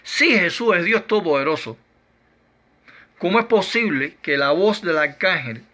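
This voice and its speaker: A man's voice: high-pitched, lively intonation, sharp tone. Emphatic man arguing Bible doctrine. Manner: argues through numbered rhetorical questions; slow, emphatic delivery with drawn-out words. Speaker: Bible teacher.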